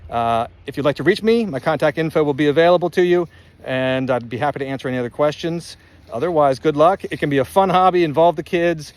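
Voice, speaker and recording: A plain-spoken male orchard farmer gives practical, down-to-earth tips on growing fruit trees. His voice sits a little high for a man. The sound is dry and close, with no echo around him. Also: fast. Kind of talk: practical how-to advice. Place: orchard outdoors.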